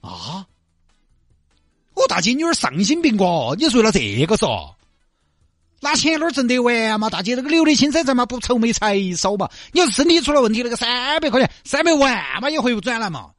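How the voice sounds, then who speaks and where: A man's voice: very high-pitched, very animated, brisk, fairly bright tone, no room sound, clean studio sound, soft background music, pitched above the performer's own voice, exaggerated voice. A man voicing a kindly, fussing middle-aged bus driver with a Sichuanese accent who coaxes and chatters. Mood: persuading.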